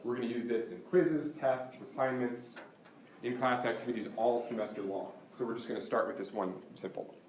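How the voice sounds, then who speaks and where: A man's voice: medium pitch, steady tone, brisk, a little hiss or hum. Man lecturing a class step by step. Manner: explaining step by step, practical and chatty. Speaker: university instructor.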